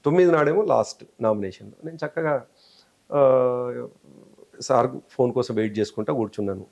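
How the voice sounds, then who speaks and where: A man's voice: mid-range voice, fairly quick, gravelly, a little mellow. A man with a Telangana Telugu accent, an interview guest telling a long story and acting out quoted speech.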